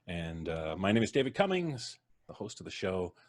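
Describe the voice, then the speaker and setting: With music playing behind him, a podcast host opens a live stream by introducing his guests through jokes and playful rambling, laughing at his own quips. His voice is low and very animated, at a moderate pace.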